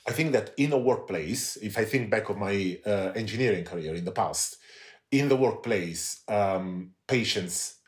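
A middle-aged Italian man appears as a guest in a casual podcast chat, his voice fairly low and at normal speed. He's candid but hesitant, often restarting his sentences.

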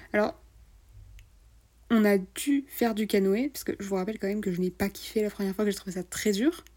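A woman's voice: mid-range voice, dark tone. A young woman co-hosting a travel podcast, recounting the trip in enthusiastic, slangy casual chat. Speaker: podcast co-host.

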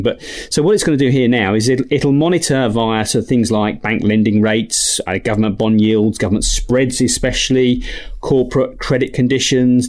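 A man giving unscripted expert market commentary as an interviewed strategist, often halting and restarting his phrases. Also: medium pitch.

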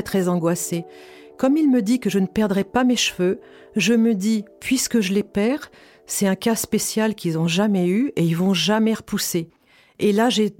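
Woman in her fifties, mellow candid testimony. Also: mid-range voice. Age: 50s. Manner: candid, earnest recounting with reported dialogue. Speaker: patient sharing her cancer story. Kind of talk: personal testimony.

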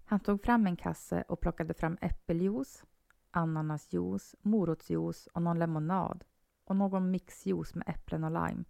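A woman narrating a first-person horror story in a calm, measured reading voice. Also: on the low side, vocal fry, no echo, studio quality.

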